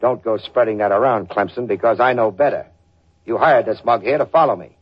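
A man's voice: on the low side, a little fast, slightly rough. An actor playing a tough, sardonic, wisecracking male private detective in slangy 1940s radio drama style. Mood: menacing. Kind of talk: 1940s hardboiled radio acting and narration. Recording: dull lo-fi old radio recording.

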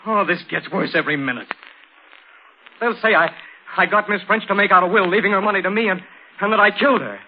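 A man's voice: high-pitched, a little fast. An actor playing a frantic accused man in his thirties, agitated and pleading, in 1940s radio drama style. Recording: tinny old radio, faint noise.

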